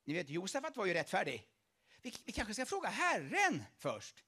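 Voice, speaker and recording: Animated, high-voiced male preacher. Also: slightly rough. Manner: animated, repeatedly urging listeners to pay attention. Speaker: pastor. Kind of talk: sermon.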